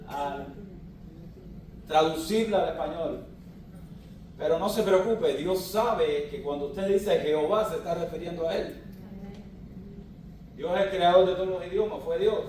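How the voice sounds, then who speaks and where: Pastor preaching in an echoey church. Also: male voice, fairly high pitch, measured pace, long pauses, darkish tone, a little hiss or hum. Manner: teaching, asks the congregation questions. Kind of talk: sermon. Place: church hall. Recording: echoey hall, mic at a distance.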